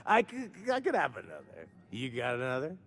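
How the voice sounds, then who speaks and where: A man's voice: mid-range voice, wildly swooping pitch, fairly quick, fairly bright tone, exaggerated voice. An actor playing a drunk, boastful young male bodyguard who slurs, giggles and rambles. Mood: tipsy rambling. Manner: slurring, giddy, rambling.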